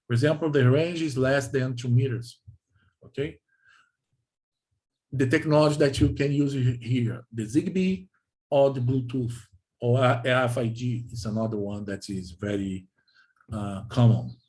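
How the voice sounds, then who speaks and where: Speaking halting non-native English at medium pitch, a Brazilian, Portuguese-speaking man gives a technical lecture, repeating himself and checking in with short questions. The recording is rough.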